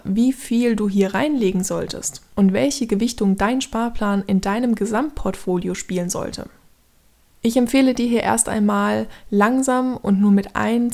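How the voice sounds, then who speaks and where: A thirty-year-old woman with a mid-range, creaky, darkish voice narrates from a script as a podcast host. She explains things in a structured way, addressing the listener directly with instructions.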